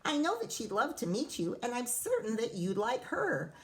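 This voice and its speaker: A woman's voice: on the high side, wildly swooping pitch, moderate pace, pitched above the performer's own voice. A young female duck from a children's storybook, acted out by a woman reader. She is plucky and sly, coaxing sweetly in a singsong rhyme to get her way.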